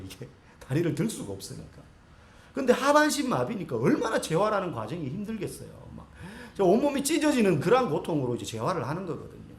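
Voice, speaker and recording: A man preaching in a church, his voice pitched high and swinging up and down as he tells a story to the congregation. The sound is roomy, with echo off the walls. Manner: storytelling, addresses the congregation directly. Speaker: pastor. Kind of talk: sermon. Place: church sanctuary.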